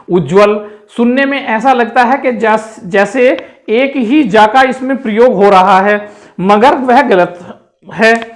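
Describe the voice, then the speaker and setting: A man teaching a Hindi grammar lesson for exam preparation, explaining slowly and repeating key words as he points things out. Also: very high-pitched.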